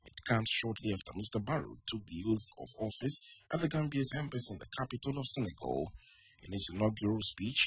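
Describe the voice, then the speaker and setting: A man's voice: fairly low pitch, sharp tone, breathy edge, dry recording, poor audio. A man reading a scripted news report as a presenter.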